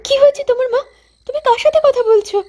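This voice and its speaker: A woman's voice: very high voice, quick pace, dark tone. A woman playing an anxious, caring young daughter in a cartoon ghost story, questioning and concerned. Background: background music.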